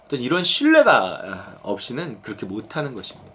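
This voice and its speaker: A middle-aged male pastor giving a conversational, animated sermon. He talks casually and often acts out prayers and quotes in different voices. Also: medium pitch, a little fast, slightly rough.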